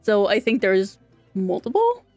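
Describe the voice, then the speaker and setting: Very animated in a mid-range voice, she's a young native German speaker from Austria, her accent Austrian German, giggling and chatting casually through a live game stream with halting starts and restarts. The recording is dry and close-miked, with quiet game music behind.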